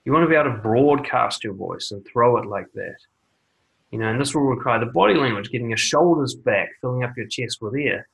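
Man, confidence coach, seated video monologue, measured delivery, repeats words for emphasis, mid-pitched voice. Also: lively intonation, gravelly, a bit bright, low-quality recording. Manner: measured, deliberate delivery with frequent "okay" asides. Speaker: YouTube dating and confidence coach. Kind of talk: direct-to-camera advice monologue. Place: seated indoors recording a video.

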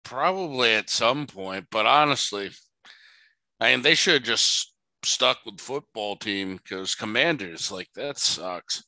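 A man's voice: on the low side, lively intonation, unhurried, bright, forceful tone, dry recording, poor audio. A man co-hosting a podcast in casual chat, crude and joking, laughing often. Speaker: podcast co-host.

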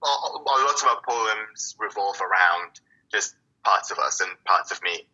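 A man who grew up in Italy, a poet guest speaking casually in an interview, reflective and halting, with many restarts. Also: on the low side, lively intonation, sharp tone, husky, lo-fi sound.

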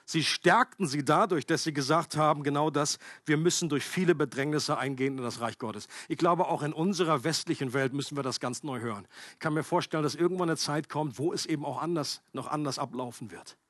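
A man's voice: fairly high pitch, a little fast, a bit bright, no echo, clean studio sound. A man preaching a sermon, reading a story aloud and then speaking earnestly and in a subdued way.

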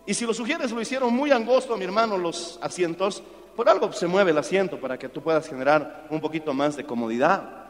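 A man's voice: high voice, animated, brisk, faint music behind. A middle-aged man from Peru preaching a sermon, telling anecdotes and calling his listeners brother. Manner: storytelling, addresses listeners as brother. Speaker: pastor. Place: church. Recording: long hall reverb.

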